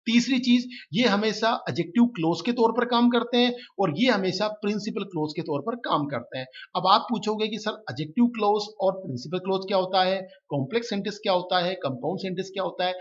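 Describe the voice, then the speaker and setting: A man teaching English grammar in a patient lesson, repeating his points and reading example sentences slowly. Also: sits high, lo-fi sound. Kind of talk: lesson explaining grammar in Hindi.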